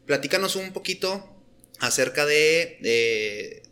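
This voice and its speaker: A Mexican man hosts a relaxed podcast, teasing his guest with quick jokes. His voice is bright and slightly high. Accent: Mexican Spanish. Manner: joking, teasing, lively. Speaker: podcast host. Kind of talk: casual podcast chat.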